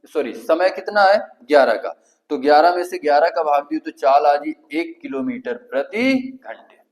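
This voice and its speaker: A man's voice: fairly high pitch, animated, moderate pace, low-quality recording. Man teaching math in a Kanpuri accent. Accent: Kanpur Hindi. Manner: asks the class questions then answers them himself, stepwise and repetitive. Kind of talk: exam-prep math lesson.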